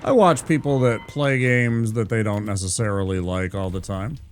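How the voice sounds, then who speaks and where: On a live video game stream, a man chats casually with viewers, relaxed and musing aloud to chat as he plays. His voice sits on the low side at normal speed, with soft background music.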